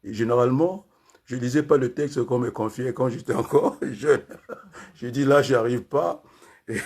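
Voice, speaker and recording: Speaking in a mid-range, darkish, husky voice, this older man from Congo works as a political commentator. His talk wanders, and he keeps tacking questions onto his points for the audience, along with plenty of fillers.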